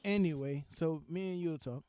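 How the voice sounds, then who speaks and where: A man co-hosting a casual podcast chat, an animated storyteller who swears freely and gets loud when excited. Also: on the high side, fairly quick, clean tone, no echo. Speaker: podcast co-host.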